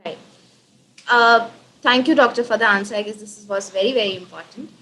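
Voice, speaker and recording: Bright-voiced woman hosting an online talk. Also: a little high, extremely slow, slight background noise. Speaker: host and interpreter. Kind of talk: hosting and translating a virtual gathering. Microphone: video call.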